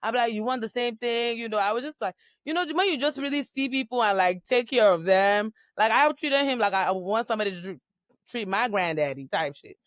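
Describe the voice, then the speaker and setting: Smooth-voiced woman telling stories. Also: mid-range voice, fairly quick, no room sound, clean studio sound. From Nigeria. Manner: lively storyteller who acts out quoted speech. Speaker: guest, content creator and bartender. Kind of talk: casual conversation.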